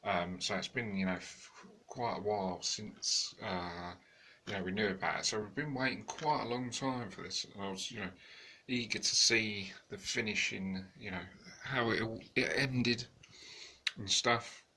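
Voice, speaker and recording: A man with a deep voice reviews a film in an unscripted, meandering way. He restarts his sentences and leans on fillers, and he sounds tired. His tone stays bright and pushy despite the low pitch. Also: a little slow, breathy edge. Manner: rambling, many fillers and restarts. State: tired, yawning. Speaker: home video reviewer.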